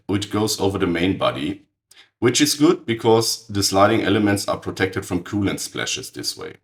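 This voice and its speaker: Hoarse man with a cold, lowish raspy voice, matter-of-fact technical narrator. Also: fairly bright tone. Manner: precise, matter-of-fact, blunt verdicts on tools. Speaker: channel host.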